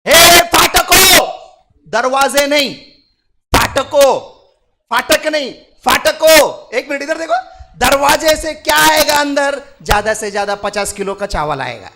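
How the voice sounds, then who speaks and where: High-voiced, bright-toned preaching man. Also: animated, moderate pace. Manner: emphatic preaching, swinging from low murmurs to loud shouts; repetitive, call-and-response with the congregation. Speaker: pastor. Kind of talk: Hindi sermon. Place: church prayer meeting.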